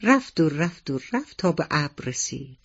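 A woman's voice: sits low, big pitch swings, husky, highs cut off. A woman telling a bedtime story to children on the radio, tender and sing-song.

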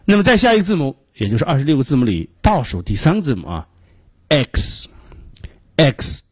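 Husky man teaching pronunciation on radio. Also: medium pitch, huge pitch swings, dry recording. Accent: Beijing Mandarin. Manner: explains patiently, demonstrates sounds slowly and repeats them; frequent filler particles between phrases. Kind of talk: radio lesson.

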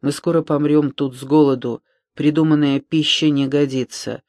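A man's voice: fairly high pitch, steady tone, moderate pace, darkish tone, dry recording, lightly acted. A man reading an audiobook, voicing a level-headed boy who speaks in a matter-of-fact, businesslike way.

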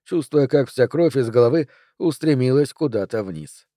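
A man reading an audiobook in calm first-person narration. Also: mid-range voice, normal speed, no echo, clean studio sound. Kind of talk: scripted narration.

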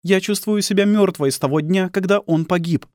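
A man's voice: high voice, brisk, a little mellow, no room sound, clean studio sound, voice pushed up, natural voice. A man voicing a cold, bitter wife and grieving mother who hurls accusations at her husband in an audiobook. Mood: accusing. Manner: icy and accusing.

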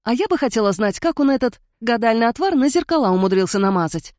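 A woman's voice: a little high, lively intonation, fast, a little mellow, dry recording, studio quality, voice pushed up, close to an everyday voice. A woman doing a cheeky, restless young girl. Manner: giggly, cheeky.

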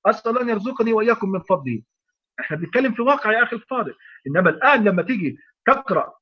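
A man's voice: sits high, breathy edge, dull audio. A man with an Egyptian accent teaching as a sheikh in an online lecture, speaking emphatically with repeated phrases and rhetorical questions. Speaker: sheikh teaching Quran readings.

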